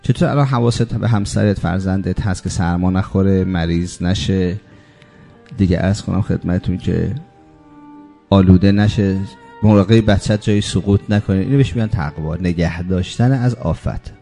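A man giving a religious sermon, speaking emphatically and piling up repeated lists, slowing down to stress key words. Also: deep voice, creaky, dark tone, faint music behind. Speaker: preacher.

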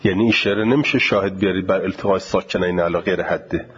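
A man lectures on grammar in a slightly husky, lowish voice. He reads passages slowly, then switches to quick, casual explanation. The recording sounds dull and lo-fi. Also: steady tone. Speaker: teacher. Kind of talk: classroom lecture on Arabic grammar and Quran recitation.

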